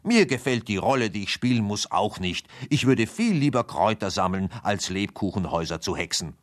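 A man's voice: lowish voice, sing-song, brisk, pitched above the performer's own voice. A man voicing a weary witch in a bedtime story, grumbling and complaining. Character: weary witch, fed up with her fairy-tale role.

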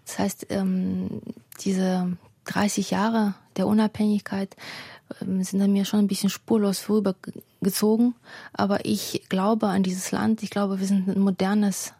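A woman from Ukraine who grew up speaking talks slowly about her views, pausing often on fillers and restarting words. Her voice is husky and gravelly, darkish in tone and fairly flat in melody. The sound is dry and close. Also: mid-range voice, no echo. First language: Russian. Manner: hesitant, many fillers and restarts. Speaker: writer, interview guest. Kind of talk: reflective interview answers.

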